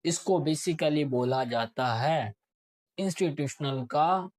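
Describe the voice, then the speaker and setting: A trading teacher gives a casual lesson on reading charts, marking one up as he explains and often answering his own questions. His voice is fairly high and he speaks slowly.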